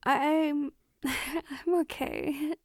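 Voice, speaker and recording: A woman voicing a cheeky, insatiable woman in an intimate audio roleplay, talking with breathy, laughing asides. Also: high voice, flat delivery, drawn-out words, dry recording, clean studio sound, exaggerated voice. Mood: playful.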